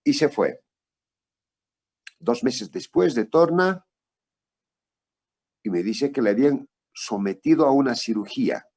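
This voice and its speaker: A man's voice: medium pitch, animated, measured pace, pauses often, a little mellow, husky. A man lecturing on traumatology, telling a patient case in a conversational way and asking for the next slide.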